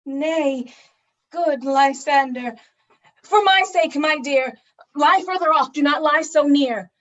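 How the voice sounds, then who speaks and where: A woman reading the part of Hermia, a modest young woman, in firm measured verse. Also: high-pitched, fairly bright tone, highs cut off. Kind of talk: amateur Shakespeare reading.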